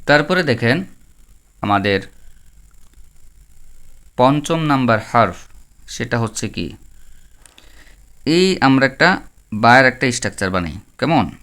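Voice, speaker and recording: A man's voice: medium pitch, sing-song, takes it slowly, pauses often, fairly bright tone, clear, resonant tone. A man teaching a Quran pronunciation lesson, patiently repeating and drawing out each sound. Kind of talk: slow letter-by-letter recitation lesson.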